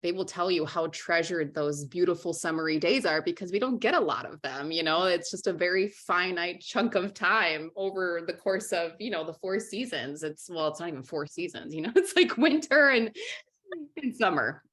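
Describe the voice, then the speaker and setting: A young woman from Minnesota speaks low in her range and candidly in a conversational interview. She restarts her sentences and fills pauses with "um" and "you know.". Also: animated, a bit bright. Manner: frank and candid, restarts sentences, many fillers. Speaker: interview guest, writer and journalist.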